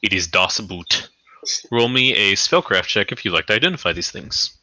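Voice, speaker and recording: A man's voice: fairly low pitch, animated, moderate pace, bright, forceful tone. A man running a tabletop game as game master, narrating loot in a casual, rambling way with fillers and swearing. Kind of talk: running a tabletop game over a live stream.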